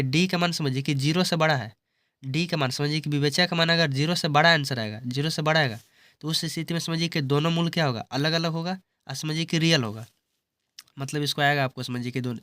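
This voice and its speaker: A man's voice: on the high side, fairly bright tone, clear, resonant tone, dry recording. Repetitive male maths teacher. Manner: repetitive explaining, often says "see" and "understand". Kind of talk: exam-prep maths lesson.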